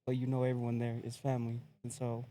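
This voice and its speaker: Young man, from American Samoa, podcast guest, relaxed storytelling, even delivery, warm dark timbre. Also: mid-range voice, fast talker, slight background noise. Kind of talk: casual chat.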